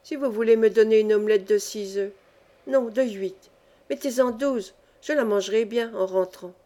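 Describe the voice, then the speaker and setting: Storybook role: woman voicing a calm, reasoning old miner, voice on the high side. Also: normal speed, close to an everyday voice. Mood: dreamy. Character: old male mine foreman, calm and reasoning.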